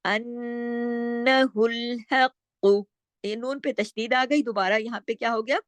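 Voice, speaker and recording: A woman's voice: on the high side, fairly bright tone, dry recording. Patient woman teaching Quran recitation. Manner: patient, explains step by step, asks and answers her own questions; draws out Arabic words slowly when reciting. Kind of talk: tajweed lesson with slow recitation.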